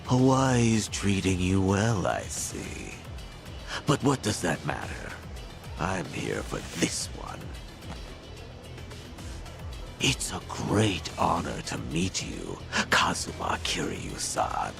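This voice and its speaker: Unhinged yakuza villain, deep creaky voice, slow taunting drawl, swinging delivery, video game drama, loud music behind. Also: male voice, very animated, full character voice. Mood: sly, reverent. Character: menacing middle-aged yakuza villain, thrill-hungry and unhinged.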